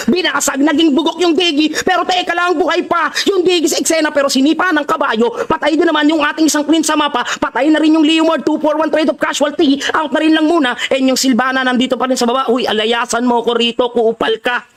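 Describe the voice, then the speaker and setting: A man's voice: high voice, fairly bright tone. A man with a Filipino accent giving playful, teasing commentary while live-streaming a game and greeting his viewers.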